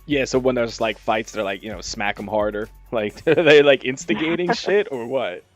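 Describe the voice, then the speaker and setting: Easygoing male radio host, middle pitch, loose casual questioning. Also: moderate pace, soft background music. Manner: laid-back, loose questions. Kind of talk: casual interview.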